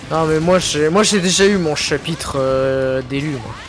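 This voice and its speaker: A man's voice: on the high side, unhurried, over music. A young man streaming a video game, joking and teasing his co-player in casual chat.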